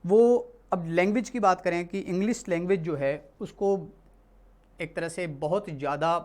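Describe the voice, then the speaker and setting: Teacher from India, classroom lesson, patient explaining, repeats phrases, frequent self-corrections, middle pitch. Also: normal speed, darkish tone. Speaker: English teacher.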